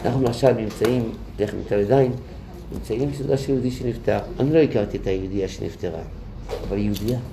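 A man's voice: on the low side, noisy background. A man giving a sermon at a memorial gathering, telling a story and rising emphatically into rhetorical questions. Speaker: rabbi giving a talk.

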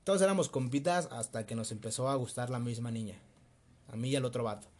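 A man's voice: mid-range voice, fast, slight background noise. Slangy young man from Mexico City. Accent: Mexico City Spanish. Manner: slangy, laughing, animated retelling with quoted voices. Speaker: vlogger. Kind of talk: casual storytelling.

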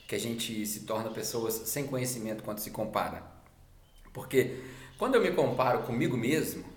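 Brazilian man telling stories in a roomy space. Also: mid-range voice. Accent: Brazilian Portuguese. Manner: casual, conversational, acts out quoted dialogue. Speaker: podcast host. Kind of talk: reflective personal storytelling. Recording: roomy echo.

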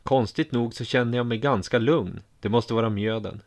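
A man narrating a first-person audiobook story in a calm, measured way. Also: medium pitch.

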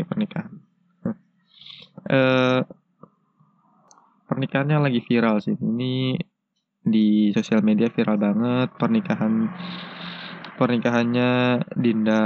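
A young man with a cold and a stuffy, congested nose, hosting a casual solo podcast in a hesitant, halting way. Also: medium pitch. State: has a cold with a blocked nose. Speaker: podcast host. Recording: dull lo-fi, dry sound.

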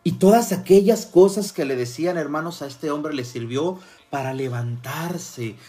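A man preaching a sermon, dropping to soft murmurs and then rising to loud fervent cries as he calls out to his listeners as brothers. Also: fairly high pitch, normal speed.

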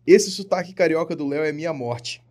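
A man's voice: fairly high pitch, fairly quick, darkish tone. A man bantering casually as a podcast host, with informal, slangy and sweary reactions.

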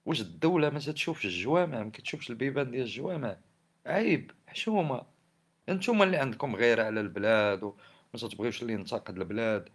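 A man with a Moroccan Arabic accent delivers heated social commentary at a rapid clip. His voice sits at an average male pitch. He sounds indignant and scolding, pressing his points with one rhetorical question after another. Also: lively intonation. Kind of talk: impassioned spoken commentary on society and government.

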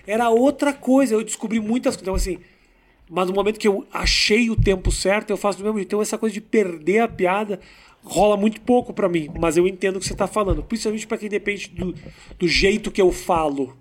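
A man with a notably high-pitched voice chats casually with a fellow comedian. He speaks slowly and deliberately, letting pauses do the work. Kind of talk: casual interview chat.

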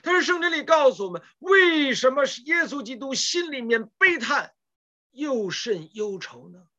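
A woman's voice: sits high, very animated, moderate pace, bright, forceful tone, lo-fi sound. A woman preaching a sermon, retelling scripture stories with emphatic rhetorical questions.

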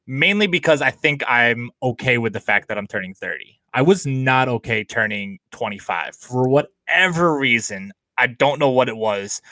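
Recording remotely from a laptop in his small home apartment, a thirty-year-old podcast host chats with his brother in a medium-pitched, bright, forceful voice with no echo. The mood is upbeat, with jokes and quick asides.

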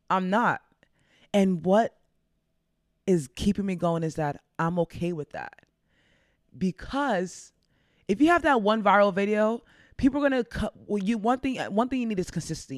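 A woman's voice: low voice, dry recording, clean studio sound. A woman content creator giving casual, upbeat advice in a chatty way, laughing often.

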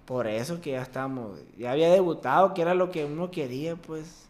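A young Mexican baseball player, guesting on a podcast, recounts a personal memory in a casual interview. His slightly mellow voice sits a little high for a man, and he tells it haltingly and emotionally, breaking off and starting over.

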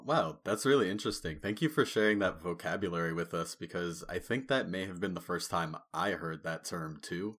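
A man raised in the United States co-hosts a casual podcast chat. His voice is very deep. He reacts with enthusiasm and appreciation to what his guests say. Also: brisk, hardly any pauses, fairly bright tone. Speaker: podcast co-host.

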